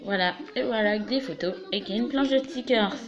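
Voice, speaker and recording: Talking fast in a medium-pitched voice, a young woman presents her fans to the camera from a small room. She's chatty and keeps reaching for "du coup" and "voilà." Music plays in the background, and the high frequencies are cut off.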